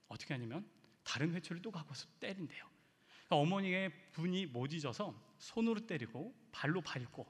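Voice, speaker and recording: Impassioned preacher with a husky voice in a reverberant hall. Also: male voice, fairly high pitch. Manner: emotional storytelling, swinging from hushed to sudden loud surges. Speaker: pastor. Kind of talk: sermon.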